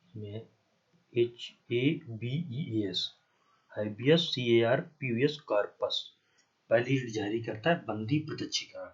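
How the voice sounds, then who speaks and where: Here a Hindi-accented man with a mid-range, slightly breathy voice lectures a classroom on exam prep, writing on the board as he goes. He spells out terms one letter at a time and frequently asks "ठीक है ना". The audio sounds dull and lo-fi.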